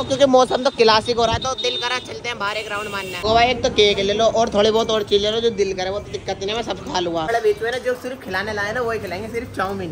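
A young man chatting excitedly through a casual family vlog, joking with his family. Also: sits high. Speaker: vlogger.

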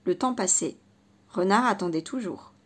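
A woman reading a children's storybook aloud in a lively, expressive voice. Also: mid-range voice, normal speed, slightly rough.

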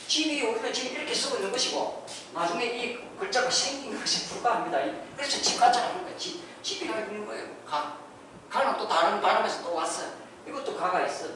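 A man's voice: sits high, a bit bright, slight background noise. A man giving a lecture, explaining step by step and asking his own rhetorical questions, recorded from a distance in a lecture room. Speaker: lecturer on ancient Korean script. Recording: echoey hall, distant mic, faint ambience.

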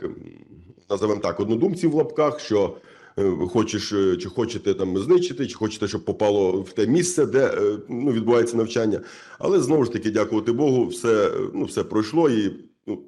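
A man from Ukraine, a community head, gives a conference speech in a halting, earnest way, full of filler sounds and restarts. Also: fairly low pitch, dark tone. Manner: earnest, repeats himself for emphasis.

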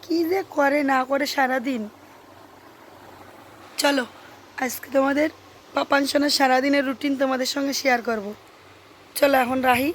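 A young woman vlogger chatting casually to viewers while she minds a baby, dropping into soft cooing baby talk. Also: high voice, fairly even intonation, normal speed, long pauses, slight background noise, rough recording.

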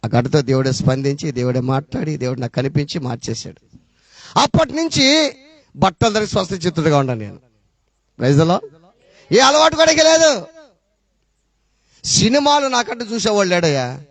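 A middle-aged man with a Rayalaseema accent preaching a testimony sermon, throwing out rhetorical questions and swinging between loud and low. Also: no room sound. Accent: Rayalaseema Telugu. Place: church.

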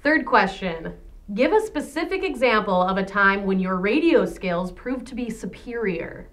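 A woman moderating a comedy debate, reading questions briskly with a straight face. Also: mid-range voice, animated, fairly bright tone.

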